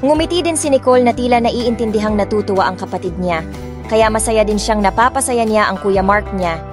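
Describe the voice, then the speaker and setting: With soft music underneath, a woman with a Filipino accent narrates a dramatic first-person audiobook script in a mid-range voice, moving a little fast.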